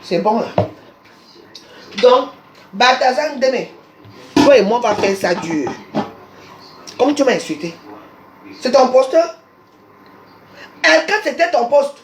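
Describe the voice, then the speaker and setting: Une femme camerounaise à l'accent du Cameroun qui lance une diatribe agressive en direct sur un réseau social, répétant ses insultes, enregistrée au téléphone. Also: female voice, a little high, expressive, slow pace, long pauses, noisy background. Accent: Cameroonian French. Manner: combative, insulting, repetitive. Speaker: social media personality. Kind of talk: angry live social media rant. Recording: roomy echo.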